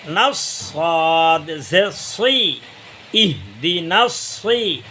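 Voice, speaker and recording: A man teaching Quran reading, spelling letters slowly, then explaining in quick bursts, sometimes chanting verses melodically. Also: high-pitched, expressive, pushed and bright, slight background noise.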